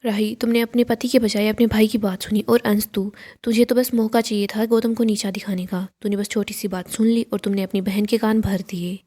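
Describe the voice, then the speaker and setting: A woman reading the lines of an angry young husband, scolding and bitter, in a plain, mellow voice. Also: medium pitch, steady tone, brisk, few pauses, natural voice.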